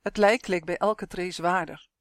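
Close to the mic in a dead, echo-free room, a narrator delivers a suspenseful first-person audiobook story. The pace is even and measured, the pitch in the middle range.

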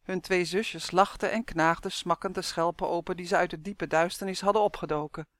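An audiobook narrator reads a children's story with expressive, shifting delivery. The voice sits in a middle register. The recording is dry and close. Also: medium pitch, brisk, no room sound.

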